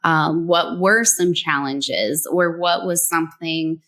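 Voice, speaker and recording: This low-voiced woman from New Mexico, USA, speaks unhurriedly as a guest in a casual interview, giving advice about her work as a brand story strategist. Her manner is relaxed and conversational, peppered with "like" and "um."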